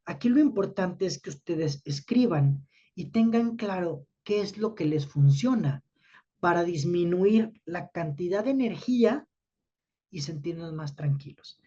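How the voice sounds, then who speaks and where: Man explaining calmly, mellow tone. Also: sits high, a little slow, highs cut off. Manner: explains step by step, checks in with "¿va?". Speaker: teacher. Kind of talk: educational talk to students.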